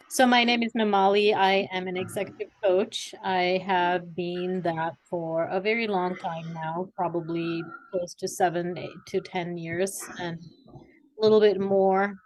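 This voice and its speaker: In a conversational interview, a Sri Lankan-born woman in her forties who works as an executive coach tells her story as the guest. Her voice sits on the low side, and she is reflective and warm, using fillers as she goes. The audio quality is poor.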